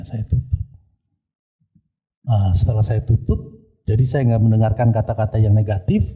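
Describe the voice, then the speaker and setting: A man's voice: mid-range voice, dark tone, husky, low-quality recording. A male pastor telling a story during a church service, often turning to address the congregation. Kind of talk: sermon testimony.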